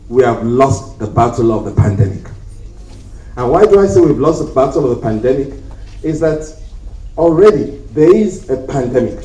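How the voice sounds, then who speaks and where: A man speaks at a conference in a hotel hall in a warm, medium-pitched voice. His talk is full of jokey anecdotes in which he acts out the quoted people. The handheld mic gets set down partway, leaving him far from it amid the hall's echo.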